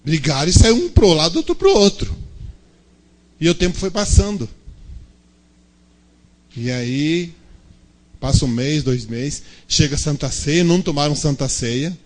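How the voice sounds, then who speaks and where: A man's voice: on the high side, very animated, measured pace, pauses often, darkish tone. Chatty Brazilian man telling a joke. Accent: Brazilian Portuguese. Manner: chatty, checks in with the audience. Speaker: speaker at youth service. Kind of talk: joking anecdote.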